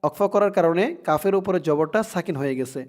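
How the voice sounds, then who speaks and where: A man teaching Quran recitation, spelling out syllables and chanting verses slowly for learners to repeat. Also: fairly high pitch, a little mellow. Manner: slow, drawn-out chanting of verses between quick explanations. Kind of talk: tajweed lesson, spelling out and reciting.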